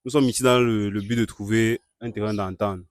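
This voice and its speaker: A man hosting a staged street-interview skit, questioning a couple and repeatedly urging an angry guest to calm down. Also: on the low side, fairly quick, no room sound, studio quality. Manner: keeps urging calm, repeats calming phrases.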